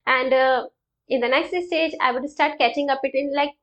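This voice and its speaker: A woman's voice: high-pitched, fairly even intonation, moderate pace, a bit bright, dull audio. A young woman vlogger talking casually to camera, telling a personal story with many ums and uhs. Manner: chatty, storytelling, frequent um and uh. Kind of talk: casual reflective talk to camera.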